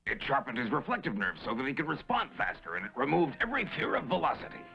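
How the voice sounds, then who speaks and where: Gruff cartoon father, gravelly and lively, lecturing sternly; dull old dub audio with music. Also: medium pitch, fast, exaggerated voice. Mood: explaining. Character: gruff middle-aged father and car builder.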